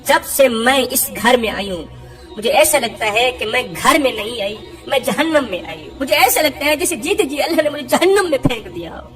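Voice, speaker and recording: A woman's voice: high-pitched, lively intonation, faint music behind. Woman playing a tearful pleading wife. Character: abused pleading poor young wife.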